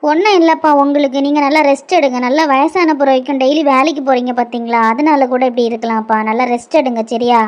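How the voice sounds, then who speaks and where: A woman's voice: high voice, fairly even intonation, fast talker, hardly any pauses, lightly acted. A woman voicing a caring young working daughter in a cartoon, with a Kanyakumari Tamil accent. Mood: reassuring. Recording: lo-fi dull audio.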